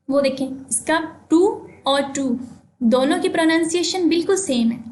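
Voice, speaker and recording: Woman teacher with a high voice, steady question-and-answer classroom delivery over a light hiss. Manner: explains slowly and asks questions to the class; spells words letter by letter. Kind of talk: online class lesson.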